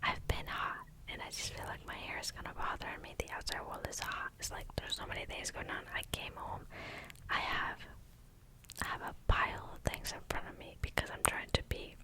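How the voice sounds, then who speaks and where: Woman doing a whispered asmr pep talk, super breathy, chatty and encouraging. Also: a little fast, poor audio. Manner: encouraging, intimate, conversational. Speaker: ASMR content creator.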